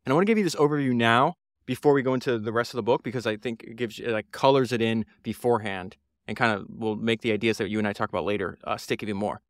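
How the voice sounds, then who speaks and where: A man hosting a solo podcast talks through a book in an earnest, rambling way, full of fillers and restarts. His medium-pitched voice moves fast, and the clean studio sound has no echo.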